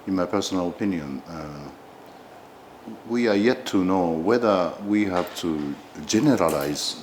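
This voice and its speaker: A man from Japan with a Japanese accent, answering formally as an ambassador in an interview, with halting, hesitant phrasing. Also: low-pitched, a little hiss or hum.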